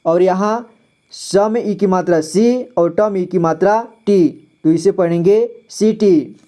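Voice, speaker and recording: A man teaching a reading lesson, sounding out syllables slowly, repeating each word and quizzing the listener. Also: high voice, mellow. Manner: patient, repeats words, quizzes the viewer. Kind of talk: slow classroom-style reading lesson.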